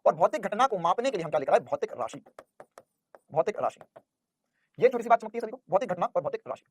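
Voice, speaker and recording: A man's voice: sits high, very animated, fast talker, husky. A man teaching a physics class, who asks questions and answers them himself and calls his students "बेटा".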